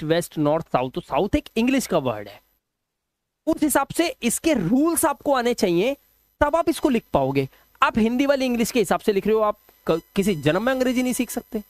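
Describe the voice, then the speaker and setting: A man's voice: sits high, sing-song, fairly quick, no room sound, clean studio sound. A male English teacher running a phonics lesson, drilling pronunciation rules and scolding his students.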